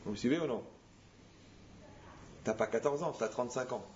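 A man, a rabbi, giving a lively spoken teaching, telling stories and acting out the dialogues in a direct, teasing way. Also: mid-range voice, moderate pace, a little hiss or hum. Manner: animated storyteller, acts out dialogues, direct and teasing. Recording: echoey muffled room recording.

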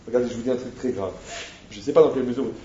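A man teaches an informal Torah lesson, talking straight to his listeners. He keeps it animated and leans on rhetorical questions. The recording is echoey and dull, with a faint hiss behind him. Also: mid-range voice, racing.

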